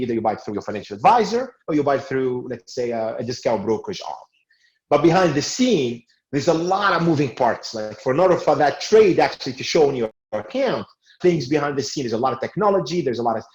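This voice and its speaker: A man from Tunisia in his forties answers interview questions, often restarting with fillers along the way. His voice sits in a middle register. The recording sounds roomy and a little dull, like a lo-fi call. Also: mid-range voice. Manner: hesitant, many fillers and restarts. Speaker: guest, sales manager in finance.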